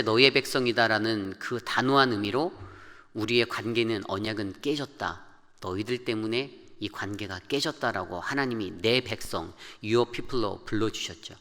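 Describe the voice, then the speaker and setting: A man pastor preaching a sermon in an earnest, measured way, reading scripture slowly and pleading in quoted prayers. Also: medium pitch, bright, forceful tone. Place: church sanctuary. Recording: reverberant church hall.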